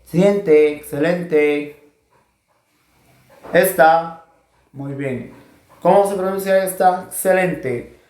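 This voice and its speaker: A man leads a language class, saying each word very slowly so his students can repeat it. His tone is encouraging and patient. The recording sounds echoey, as if made in a bare room. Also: on the high side, a little mellow. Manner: encouraging, repeats words slowly for learners to echo. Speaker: language teacher. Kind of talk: slow call-and-response pronunciation drill.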